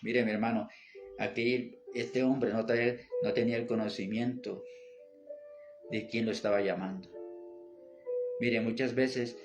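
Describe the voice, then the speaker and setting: A man preaching with fervor, calling out to his listeners as brother and retelling scripture. His delivery stays flat and even in pitch. Instrumental music plays clearly under his voice. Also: unhurried, long pauses. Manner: fervent, repeats "mi hermano", quotes scripture. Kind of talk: sermon. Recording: music playing behind.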